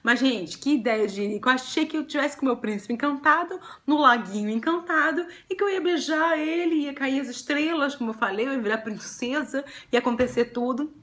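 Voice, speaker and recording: A young Brazilian woman vlogger telling a personal love story to camera, chatty and animated, often breaking into giggles. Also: high-pitched, fairly quick, hardly any pauses. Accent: Brazilian Portuguese.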